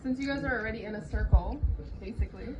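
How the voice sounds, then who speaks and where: A young woman from Canada hosting a casual financial workshop in a relaxed, chatty way. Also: fairly high pitch, quick pace, muffled recording, over loud music. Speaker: workshop host. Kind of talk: casual group workshop talk. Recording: distant mic with loud noise.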